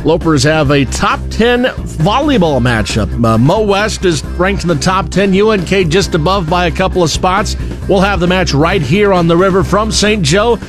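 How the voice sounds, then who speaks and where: A man's voice: sits high, expressive, moderate pace. A man reading scripted station promos as a radio announcer. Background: music bed.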